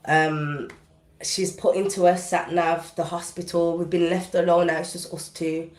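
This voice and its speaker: A British woman, guest recording artist on a podcast, relates a personal story in a vivid, intense, casual manner with casual dialect grammar. Her voice is on the low side and a little mellow, with a flat delivery at a measured pace. It sounds reverberant.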